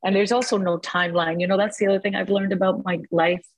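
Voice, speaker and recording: A woman in her sixties, an actress telling stories in a casual interview, animated and quick to laugh, with many fillers. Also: medium pitch, low-quality recording. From born in Cuba, raised in New Jersey. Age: 60s.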